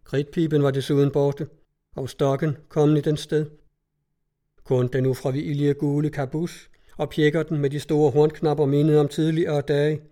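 Man, audiobook narrator, measured literary reading, mellow dark tone, slightly high voice. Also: little pitch movement. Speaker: audiobook reader.

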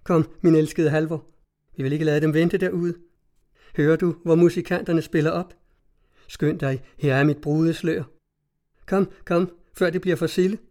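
A man's voice: a little high, steady tone, mellow, lightly acted. A man reading aloud, voicing a distraught young woman who rambles frantically, wild with grief. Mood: rapt, urgent. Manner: lamenting, frantic.

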